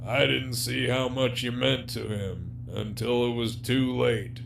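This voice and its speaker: A man playing Negan, slow-talking jaded villain. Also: medium pitch, fairly even intonation, creaky. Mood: sincere, regretful. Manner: profane, wry, teasing drawl. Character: jaded, sardonic male prisoner villain, weary and despairing. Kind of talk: audio drama acting. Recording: faint background hum and noise.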